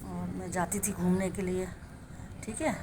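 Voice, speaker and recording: A woman's voice: lowish voice, fairly even intonation, measured pace, background noise. A woman hosting a home gardening channel, chatting in a homely show-and-tell way and often checking in with the viewer. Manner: chatty, homely, keeps asking "है ना". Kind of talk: casual show-and-tell demonstration.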